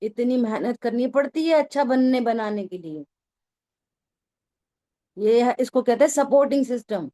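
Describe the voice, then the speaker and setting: Woman, fairly high voice, leads a religious scripture class in a chatty tone, checks often that listeners follow, teases and scolds them like family. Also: measured pace, pauses often, mellow. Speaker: teacher of a scripture study class.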